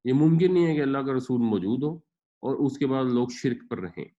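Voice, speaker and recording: A man's voice: medium pitch, expressive, warm tone. Patient male Quran teacher, lo-fi. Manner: patient, explains with everyday examples. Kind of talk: explanatory lecture.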